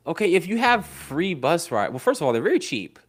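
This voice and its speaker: Young man in relaxed slangy chat. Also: a little high, a little fast, slightly rough. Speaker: podcast co-host. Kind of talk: casual podcast chat.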